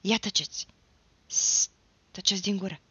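A woman's voice: medium pitch, animated, creaky, fairly bright tone, lo-fi sound, voice pushed up. A woman voicing a stern middle-aged peasant father who gives curt, pressing commands. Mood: urgent.

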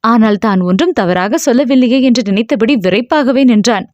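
A woman narrating a novel in a steady storytelling manner. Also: on the high side, brisk, dry recording, lo-fi sound. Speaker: audiobook narrator. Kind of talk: scripted narration.

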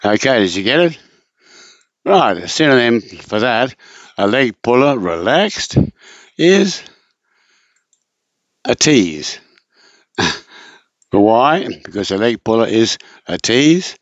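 A man's voice: mid-range voice, very animated, dry recording. A man tutoring in a casual spoken lesson, patient and repetitive, often circling back over points in a dull, lo-fi recording. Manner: patient, repetitive, drawn-out explaining.

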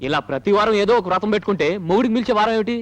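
An actor playing an amorous, hot-tempered husband in a film scene, talking in a blustering, teasing way. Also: male voice, sits high, animated, rapid-fire, dry recording. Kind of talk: film dialogue. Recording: music score behind.

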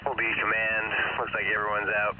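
A male fire officer taking command at a scene, giving brief flat status reports over the police and fire radio. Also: lowish voice, a little fast, far from the mic. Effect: police and fire radio transmission. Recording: tinny, noisy radio from off-mic.

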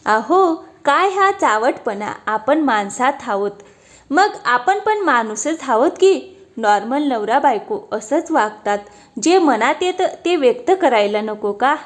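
A woman's voice: high voice, sing-song, slow pace, full character voice. Sonali, a woman voicing a shy young bride. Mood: bashful. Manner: bashful, gently protesting. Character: shy newly married young wife.

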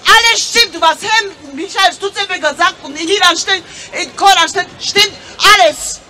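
In an open city square at a street rally, a woman in her thirties with a Georgian accent, an audience member, gives an impromptu, emotional speech. Her very high voice is pushed and bright, and her impassioned delivery is nervous, agitated, and halting. She holds a handheld mic and is filmed by a nearby camera, but the sound comes from an outdoor public-address mic far away, so she sounds distant over a noisy crowd.

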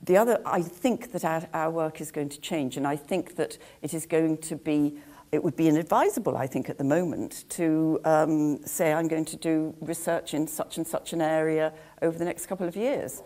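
An older woman in her sixties speaking on a discussion panel, with a halting manner and frequent restarts. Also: sits low, warm tone. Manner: hesitant, many restarts, gesturing. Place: large room with a seated audience.

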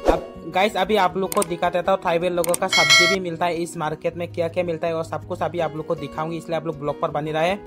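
A young man with a highish, flat voice talks fast into a phone held at arm's length as he vlogs through an outdoor market, with music in the background. His casual narration is chatty; he calls his viewers "guys" and asks about prices.

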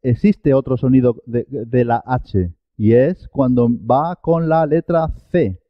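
A man teaching Spanish pronunciation, slowly repeating each example word with careful articulation. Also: mid-range voice, dry recording. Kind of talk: pronunciation lesson. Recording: dull, dry lo-fi sound.

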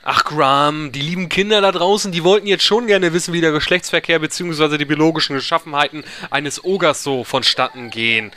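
A man's voice: on the high side, brisk, few pauses, bright, forceful tone. A man giving casual, chatty gameplay commentary in a playful, ironic way. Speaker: let's player.

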